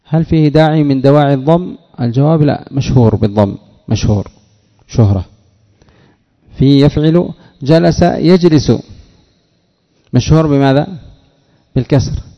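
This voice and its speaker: A man teaching a classroom lesson, putting questions to his students and drilling word patterns slowly. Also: mid-range voice, lively intonation. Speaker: teacher of Arabic morphology. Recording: dull audio with long hall reverb.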